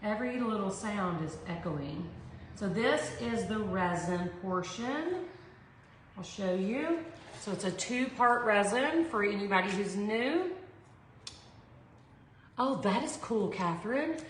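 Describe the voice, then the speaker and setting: A woman's voice: medium pitch, animated, measured pace, a bit bright. Woman chatting in an echoey room. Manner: rambling, thinking aloud. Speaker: host of a live art tutorial. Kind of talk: casual live craft tutorial, chatting with viewers. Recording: echoey room with background noise.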